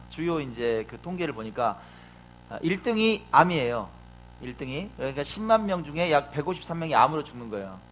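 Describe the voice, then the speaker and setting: A man's voice: a little high, a bit bright, slight background noise. A middle-aged man preaching a sermon as a pastor, asking the congregation questions and acting out quotes.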